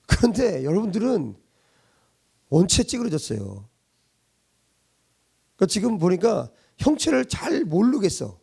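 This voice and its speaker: Male pastor, sermon voice, lively high-pitched delivery, husky and gravelly. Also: a little slow, pauses often. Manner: emphatic preaching with rhetorical questions, swinging between loud and hushed. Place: church congregation.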